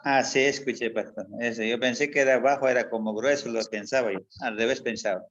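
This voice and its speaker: A man's voice: medium pitch, fairly even intonation, fairly quick, fairly bright tone, highs cut off. Hesitant male church class student. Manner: hesitant, admits a mix-up. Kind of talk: brief replies in class.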